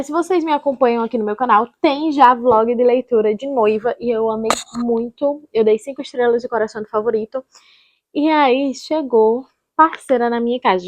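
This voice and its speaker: Brazilian girl doing a chatty book vlog, kinda high voice, rambles and fixes herself as she goes. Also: no room sound. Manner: informal, rambling, self-correcting. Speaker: book vlogger. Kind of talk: casual chatty reading vlog.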